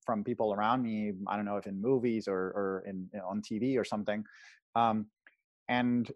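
A man's voice: on the low side, darkish tone, no room sound. A man in his thirties from Venezuela, a guest telling his story on a video call from home, hesitant with many fillers. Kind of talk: casual interview storytelling. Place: home, indoors.

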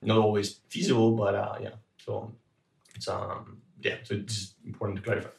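A man from Argentina speaks as an interviewed researcher, rushing along and piling up fillers and restarts. His voice sits a little low. The sound is roomy and comes from some way off the mic. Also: little pitch movement, vocal fry, a little mellow, distant mic. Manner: fast, halting, many fillers and restarts. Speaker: researcher guest. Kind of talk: interview answers.

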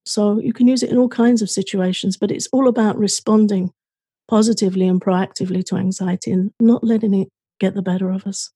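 A woman co-hosting a podcast, giving calm self-help advice in a conversational way. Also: medium pitch, brisk, slightly rough, dry recording, studio quality. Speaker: podcast co-host.

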